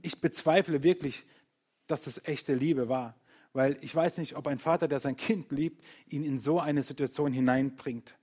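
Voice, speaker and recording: A pastor with a fairly high voice, speaking at normal speed, preaches a sermon to his congregation. He's lively and playful, imitating other people's voices and joking with those listening.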